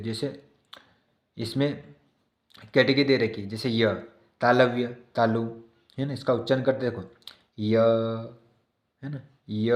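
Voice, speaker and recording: A man's voice: medium pitch, roomy sound. A male teacher giving an exam-prep lesson who repeats each definition and keeps checking in with his listeners.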